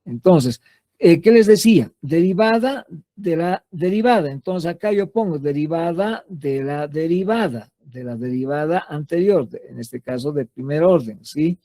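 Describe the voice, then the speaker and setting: A man gives a math lecture at a slightly high pitch, his voice soft and mellow rather than bright. He explains patiently, repeats key terms and keeps checking in with his listeners. The sound is dry and close, with no room echo. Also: lively intonation, normal speed. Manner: patient, repetitive, checks in with frequent "¿sí?". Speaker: math teacher. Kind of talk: classroom lecture.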